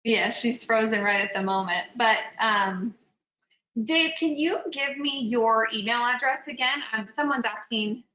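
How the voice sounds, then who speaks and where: A woman moderating a panel webinar on a video call, relaying audience questions with upbeat, quick acknowledgements. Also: a little high, bright, forceful tone. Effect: video call audio. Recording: muffled, roomy video call audio.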